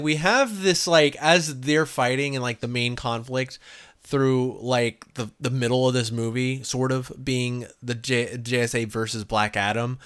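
A man casually talking through a movie review with a co-host, rambling and animated, with lots of filler words. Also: medium pitch, smooth. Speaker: podcast co-host.

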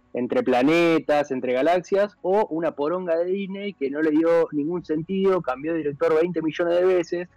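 Excitable young Argentine man, high voice. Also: dry recording, low-quality recording. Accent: Argentine Spanish. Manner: excitable, swears a lot, voice jumps high when worked up. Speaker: panelist. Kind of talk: casual heated debate.

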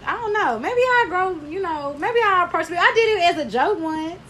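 A woman's voice: extremely high pitch, expressive, brisk, pushed and bright, a little hiss or hum. A woman co-hosting a podcast, talking candidly and crudely and laughing often in casual chat. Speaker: podcast co-host.

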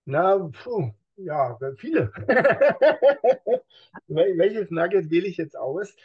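A man with a somewhat high, husky voice speaks as a guest in a casual interview. He talks in a lively way, explains things with everyday examples and drops into other voices to act out what people say. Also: drawn-out words, muffled recording. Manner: lively, acts out quoted speech in other voices. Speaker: police officer as interview guest.

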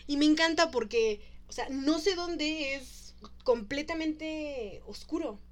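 A woman with a Mexican accent casually retelling a story to a co-host, animated and laughing often. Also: on the high side. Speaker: podcast co-host.

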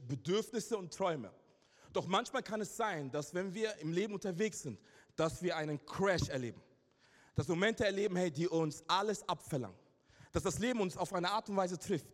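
A man in his thirties preaching a lively sermon to a live congregation, joking and asking them questions as he tells stories. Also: high voice. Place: church service before a live congregation. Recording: reverberant hall.

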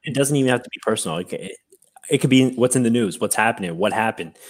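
A male podcast co-host with a mid-range voice, lively intonation, and quick pace rambles through a casual chat. He thanks guests and plugs the show amid lots of fillers and restarts.

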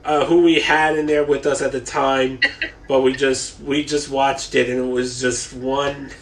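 A man's voice: medium pitch, flat delivery, measured pace. Man, enthusiastic casual chat, set back from the mic, distant sound. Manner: enthusiastic, reminiscing. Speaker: podcast co-host.

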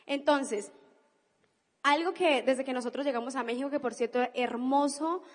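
With a high, bright voice and a Cali, Colombia accent, a woman gives an enthusiastic, emphatic motivational business talk at a moderate pace. A long hall reverb makes it sound like a large convention hall.

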